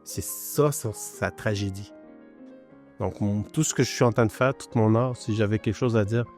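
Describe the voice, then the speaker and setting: A middle-aged man born in Lebanon speaks. He has a low voice and an earnest, searching delivery with small hesitations. Faint music runs behind him. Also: normal speed, a little mellow. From born in Lebanon, raised in Quebec. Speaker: multidisciplinary artist and musician. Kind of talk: interview testimony.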